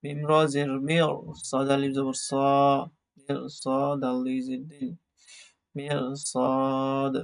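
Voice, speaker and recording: A man teaching Quran reading in an online class, slowly spelling out Arabic letters and vowel marks in Bengali with a Bangladeshi accent. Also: medium pitch, little pitch movement, gravelly. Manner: slow, drawn-out recitation of letters and vowel marks.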